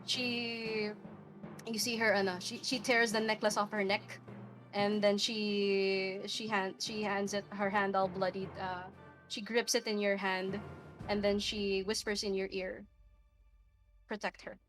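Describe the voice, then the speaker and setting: A woman's voice: medium pitch, flat delivery, unhurried, a bit bright, soft background music, poor audio. A woman with a Filipino accent improvising tabletop game narration as game master, hesitant and encouraging.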